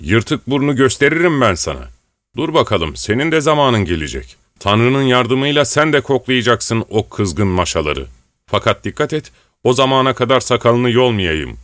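A man's voice: medium pitch, big pitch swings, moderate pace, a bit bright, dry recording, pitched above the performer's own voice. Male reader as a brawling rebel chief, blustering, threatening, dry mic. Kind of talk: audiobook reading.

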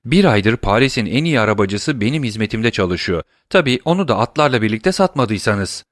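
Kibirli, küçümseyen soylu barones; bir erkek okuyucu canlandırıyor, yükseltilmiş sivri ses, kuru kayıt. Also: male voice, expressive, brisk, dry recording, studio quality, natural voice. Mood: sarcastic. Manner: raised pitch, sharp and indignant. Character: haughty scornful aristocratic baroness, woman.

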